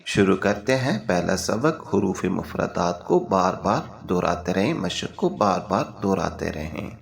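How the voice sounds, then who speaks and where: A man narrating a scripted lesson as a teacher, reciting letters slowly one by one. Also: sits low, lively intonation, vocal fry. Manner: slow, measured letter-by-letter recitation. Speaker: Quran reading teacher.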